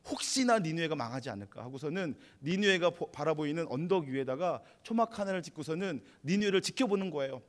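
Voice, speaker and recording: A man's voice: on the high side, fast, hardly any pauses. A male pastor preaching a midweek sermon in a conversational, storytelling manner. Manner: conversational storytelling, animated retelling.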